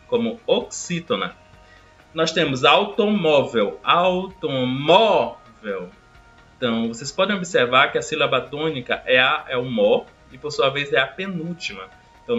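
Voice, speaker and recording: Male teacher, bright voice, careful step-by-step delivery, lo-fi track with faint music under it. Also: mid-range voice. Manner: explains step by step, stretches example words slowly. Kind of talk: recorded grammar lesson.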